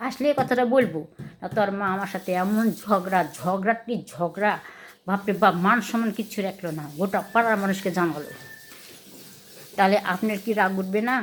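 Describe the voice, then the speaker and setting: A woman with a Rajshahi Bengali accent talks straight to her viewers in a casual home vlog. She speaks quickly and at an ordinary middle pitch. She sounds aggrieved, circles back over the same points and keeps asking listeners to judge her side. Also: a little hiss or hum. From Bangladesh. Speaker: vlogger.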